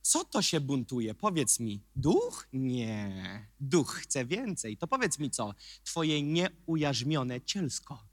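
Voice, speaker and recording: A male pastor giving an emphatic sermon, dropping to quiet asides and rising to loud, repeated questions. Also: medium pitch, big pitch swings, takes it slowly, no room sound. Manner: mocking put-on voices of churchgoers.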